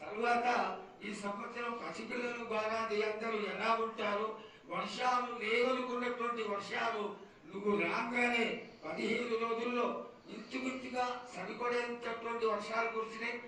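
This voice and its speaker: A man's voice: very high-pitched, little pitch movement, normal speed, bright, forceful tone. Man, reverent ritual petitioner, pleading, deferential, very echoey distant recording, faint ambient noise. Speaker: devotee questioning the oracle.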